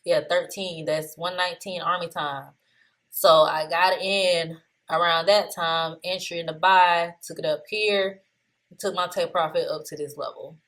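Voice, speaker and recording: A young woman walks through her trades in a relaxed screen-share recap. She talks loosely and chattily into a desktop mic and laughs at her own slips. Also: lowish voice, unhurried.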